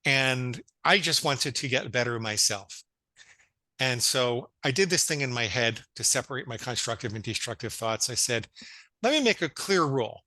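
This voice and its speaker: Man in his fifties, guest psychologist, earnest and stammering, bright and dry sound. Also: medium pitch, moderate pace, dry recording. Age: 50s. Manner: earnest storytelling with stammered restarts. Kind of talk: casual interview chat.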